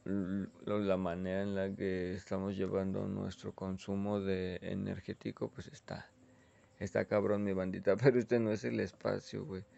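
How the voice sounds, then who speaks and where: A man's voice: low voice, little pitch movement, moderate pace, creaky, mellow, lo-fi sound. A young man with a Mexican accent, rambling laid-back and full of slang in a casual chat from his bedroom. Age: young adult. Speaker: vlogger.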